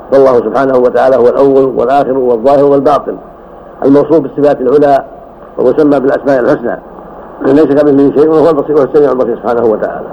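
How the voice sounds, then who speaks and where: Older sheikh explaining a text, dull old tape. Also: male voice, medium pitch, fairly even intonation. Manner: explains slowly, correcting the reader, frequent "yes". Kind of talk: classroom commentary on a text. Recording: dull old recording with faint hiss.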